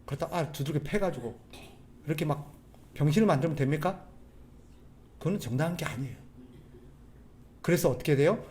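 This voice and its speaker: A man preaching a sermon as a pastor, animated, putting rhetorical questions to the congregation. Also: fairly high pitch, brisk, long pauses, a little hiss or hum. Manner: acts out quoted people's voices.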